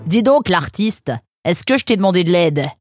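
A man voicing a stout, bossy female fox nursemaid in a storybook reading, loud and harsh as she scolds. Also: very high-pitched, big pitch swings, a little fast, no echo, clean studio sound, faint music behind, pitched above the performer's own voice. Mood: scolding.

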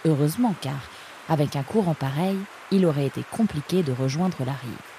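A woman narrating a children's storybook with an expressive, measured reading. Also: low voice, a little hiss or hum.

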